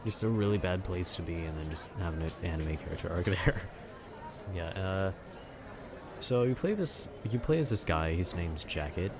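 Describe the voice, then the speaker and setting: Chatting off the cuff like an amateur host, a man with a low, animated voice wanders through video game talk at a moderate pace, using plenty of slang. A crowd and outdoor city sounds fill the background.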